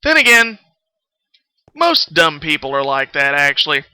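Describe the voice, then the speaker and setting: A streamer hosting a game livestream rambles casually while playing, cursing and running himself down. He speaks a little slowly in a fairly high, sing-song voice with a sharp yet smooth tone, captured as clean studio sound with no room noise.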